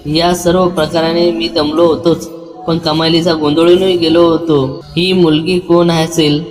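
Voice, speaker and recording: A man narrating a first-person story in a calm, even storytelling manner. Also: a little high. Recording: long hall reverb with soft background music.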